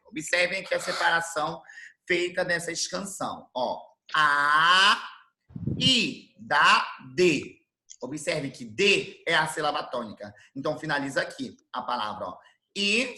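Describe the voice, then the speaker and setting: A man from Brazil teaching an online class, explaining things slowly and repeating his definitions. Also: fairly high pitch, pushed and bright. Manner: slow, didactic, repeats definitions. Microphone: computer mic on video call.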